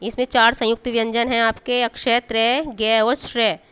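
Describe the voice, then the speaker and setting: A woman's voice: fairly high pitch, level tone, normal speed, fairly bright tone, clear, resonant tone. A woman teacher giving a patient classroom grammar lesson, drawing out sounds to demonstrate them and checking in with the class often. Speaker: school teacher.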